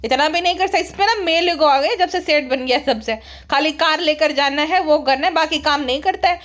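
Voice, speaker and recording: A woman hosts a casual gossip podcast with a high-pitched voice. She talks chattily and makes teasing, mocking asides as she comments. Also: moderate pace, fairly bright tone. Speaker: podcast host.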